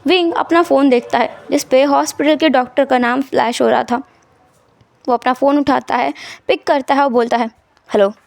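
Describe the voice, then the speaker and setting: A woman's voice: high-pitched, fairly even intonation, moderate pace, vocal fry, a little mellow, no echo. A woman narrating and retelling a fan story in a casual, conversational way.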